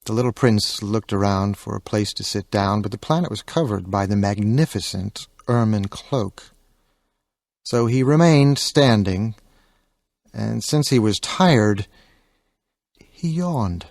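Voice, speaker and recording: A man narrating an audiobook in a calm storytelling manner. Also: fairly low pitch, slow, gravelly, no echo, clean studio sound.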